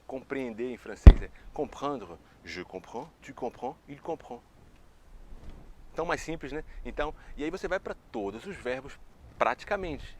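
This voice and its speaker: A man with a Brazilian Portuguese accent teaching a casual video lesson, chatty and lively, repeating each word for practice. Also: mid-range voice, vocal fry, a little hiss or hum. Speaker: French teacher.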